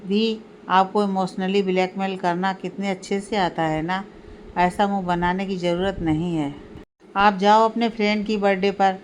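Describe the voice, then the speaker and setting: A lively younger sister from a family storybook, teasing and a little sulky, as a woman narrator puts her on. Her pitch stays ordinary, and the room is quiet apart from a faint hiss. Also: normal speed, lightly acted. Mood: pleading.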